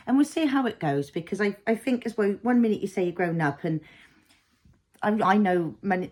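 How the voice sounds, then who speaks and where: Woman, 30s, lowish voice, casual vlogger, rambling and reflective, lots of fillers. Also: darkish tone. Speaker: vlogger, mother. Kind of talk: casual personal vlog.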